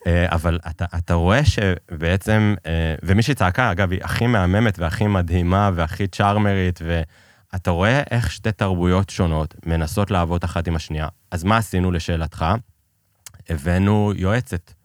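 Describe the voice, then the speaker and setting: Podcast guest: Israeli-accented Hebrew-speaking man, low register, close dry recording, hesitant anecdotal delivery with English jargon. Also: no room sound. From Iran, immigrated to Israel. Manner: hesitant searching delivery, peppered with English business terms. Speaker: podcast guest, business executive. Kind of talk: conversational storytelling in an interview.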